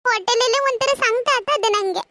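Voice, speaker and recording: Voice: very high-pitched, brisk, bright, forceful tone, no echo, exaggerated voice. Gunda, a performer's chatty cartoon schoolboy. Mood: coaxing. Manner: chatty, coaxing, keeps asking questions. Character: Gunda, lively teasing schoolboy friend. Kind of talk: cartoon voice acting.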